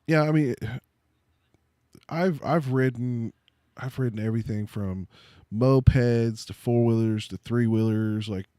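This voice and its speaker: A man chatting casually on a live stream, rambling and halting as he talks. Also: lowish voice, dark tone, no room sound, clean studio sound. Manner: rambling, halting, many fillers and restarts. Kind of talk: casual chat.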